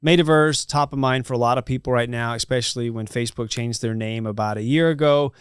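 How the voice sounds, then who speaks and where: An upbeat man hosts a casual talk show from a company studio, chatty and easygoing. His voice is smooth and resonant at a middle pitch. The sound is dry and close, with little room around it. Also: fast talker, no room sound. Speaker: host, chief marketing officer.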